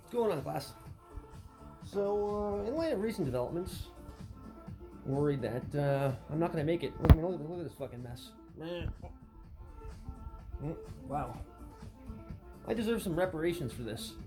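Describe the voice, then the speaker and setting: A man's voice: on the high side, expressive, unhurried, pauses often, over music, rough recording. A man delivering a sarcastic, rambling, profane comedy rant as host.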